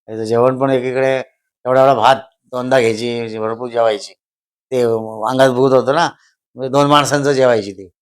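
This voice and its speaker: Older man, smooth even voice, slow storyteller who repeats himself. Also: medium pitch. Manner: slow, repeats phrases for emphasis. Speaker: guest, host's father. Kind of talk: casual storytelling.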